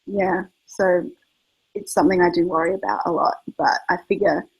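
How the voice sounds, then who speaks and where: Australian woman writer, husky, lowish, thoughtful and halting. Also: steady tone, poor audio. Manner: reflective, hesitant. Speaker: writer on a panel. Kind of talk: panel discussion.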